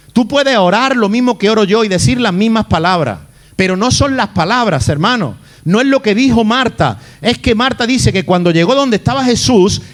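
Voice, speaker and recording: Male pastor, high voice, dramatic sermon delivery. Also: a bit bright. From Spain. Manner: dramatic, acts out the Bible figures' lines.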